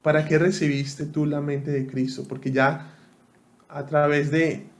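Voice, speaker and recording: Young man, slightly high voice, casual Bible teacher checking in with listeners. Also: little pitch movement, a little slow. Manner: conversational, asks listeners often. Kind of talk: interactive online Bible teaching.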